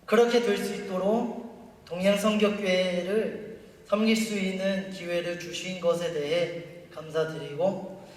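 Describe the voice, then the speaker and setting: A man reading a prepared greeting to a church congregation in careful, halting speech as a youth worker. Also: sits high, fairly even intonation. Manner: careful, halting non-native-sounding Korean. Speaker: newly appointed youth ministry worker. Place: large church hall during a service. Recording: echoey hall, distant mic, faint noise.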